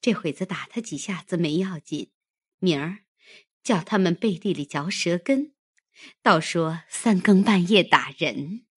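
A woman voicing a loyal young maidservant who speaks softly and soothingly in an audiobook. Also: on the low side, lively intonation, husky, no echo, studio quality. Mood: coaxing. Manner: soft, soothing, quick. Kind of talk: audiobook character reading.

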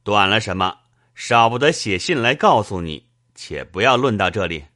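A man reading an audiobook, voicing a self-assured young gentleman who speaks calmly and mildly chiding. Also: lowish voice, normal speed, dry recording, studio quality. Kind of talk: audiobook character voice.

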